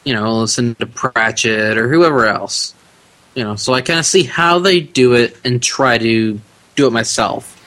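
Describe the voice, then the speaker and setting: A man talking as a podcast guest about narrating audiobooks, relaxed and chatty, laughing easily. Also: medium pitch, normal speed. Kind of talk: casual interview chat.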